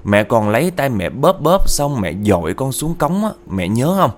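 A man's voice: medium pitch, big pitch swings, normal speed, pitched above the performer's own voice, lightly acted. A man voicing the ghost of a lost son who pleads tenderly. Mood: pleading.

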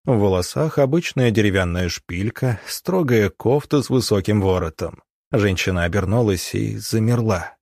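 A male audiobook narrator reads in a steady, measured way. His voice is low and slightly husky. The recording is dry and close. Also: no echo. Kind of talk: scripted narration.

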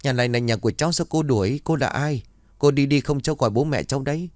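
A man's voice: mid-range voice, fast talker, a little mellow, no room sound, studio quality, voice pushed up, close to an everyday voice. A man voicing a scared, feverish little boy who whimpers and pleads. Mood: frightened.

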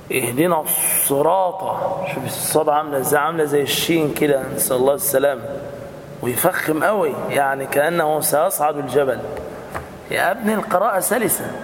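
A man with an Egyptian accent teaching Quran recitation, patiently correcting a student and repeating sounds slowly. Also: a little high, slight background noise. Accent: Egyptian Arabic. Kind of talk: correcting recitation in a live class. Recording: roomy hall reverb.

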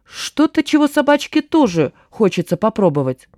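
A woman reading aloud plays a stubborn young woman with a quick, sardonic tongue, bossing people around in a dark, mellow voice. The recording is close and dry. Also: on the high side, big pitch swings, dry recording, pitched above the performer's own voice. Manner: brisk, sardonic, bossy. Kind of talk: audiobook character voice.

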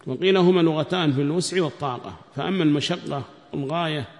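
A man teaching a hadith commentary lesson, repeating each phrase slowly for students to write down, reciting quoted text louder and higher. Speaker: Islamic studies teacher. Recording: long hall reverb.

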